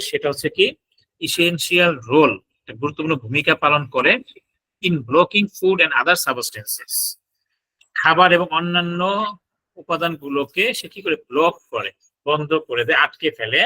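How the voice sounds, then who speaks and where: A man with a Bangladeshi Bengali accent giving a classroom anatomy lecture, reading English terms slowly and then explaining them. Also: fairly high pitch, sharp tone, no echo, low-quality recording. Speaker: homeopathy lecturer. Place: homeopathy clinic in Dhaka.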